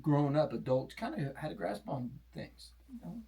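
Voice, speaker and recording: Deadpan joking male host, higher voice. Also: moderate pace. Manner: dry, deadpan joking asides. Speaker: comedian host. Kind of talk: casual chat.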